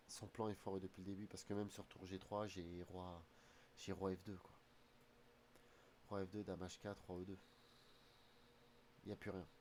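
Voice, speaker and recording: Low-pitched and darkish, a man's voice murmurs fragmentary calculations as he plays online chess on stream with a slight head cold. His streaming desk mic carries a little hiss or hum.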